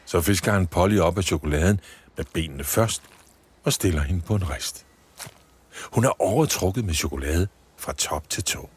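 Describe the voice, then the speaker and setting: A man reading a Christmas story for children, with expressive storybook narration. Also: low-pitched, breathy edge.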